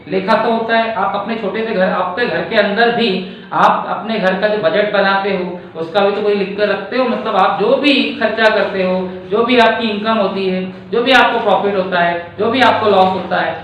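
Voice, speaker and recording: A male teacher from India explaining a lesson slowly, using everyday examples and often checking in with his students. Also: sits high, fairly bright tone. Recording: echoey room, distant mic, faint noise.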